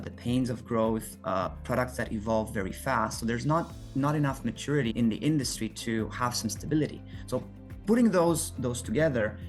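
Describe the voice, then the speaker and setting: A man from Romania, answering interview questions in an earnest, explanatory way with frequent restarts. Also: mid-range voice. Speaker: guest, solar company founder.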